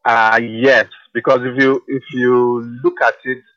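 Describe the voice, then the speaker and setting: A man's voice: medium pitch, flat delivery, a little slow, fairly bright tone, dry recording, muffled recording. A man in his fifties chatting on a radio show, hesitant and searching for words. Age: 50s. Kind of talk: casual radio chat.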